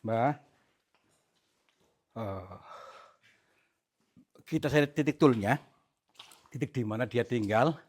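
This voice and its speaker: A man leading a paranormal investigation, talking in a hushed, polite, pleading way, often whispering. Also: mid-range voice, slow, pauses often. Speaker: ghost-hunting vlogger.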